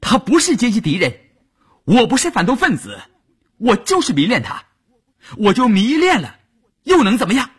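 A man voicing a proud, fiercely loyal young wife who talks back defiantly, with a husky voice. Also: lowish voice, huge pitch swings, moderate pace, full character voice. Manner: defiant shouting.

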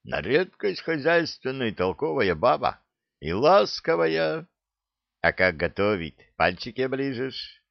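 A man's voice: medium pitch, big pitch swings, measured pace, vocal fry, dry recording, highs cut off, voice pushed up. A man voicing a cheerful veteran sergeant with a folksy, plain-spoken way of talking. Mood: hearty. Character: weathered cheerful old male sergeant.

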